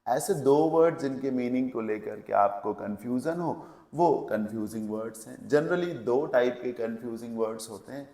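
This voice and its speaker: A man's voice: mid-range voice, moderate pace, mellow, echoey room. A male English teacher giving a lecture, explaining step by step and checking with questions, mixing English words into his Hindi. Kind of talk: classroom lecture.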